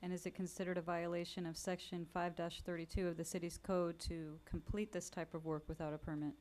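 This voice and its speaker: A woman reads case numbers and questions a witness for the city in a courtroom recording. Her voice sits a little low and stays very flat, and her delivery is plainly procedural. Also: fairly quick. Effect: courtroom hearing recording. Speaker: city prosecutor. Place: hearing room.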